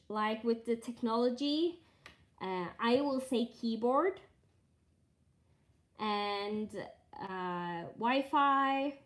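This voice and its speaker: A native Norwegian speaker with a Norwegian accent streams her cross-stitching, chatting casually while she stitches live. She thinks aloud with frequent pauses and fillers, and her voice is a little high.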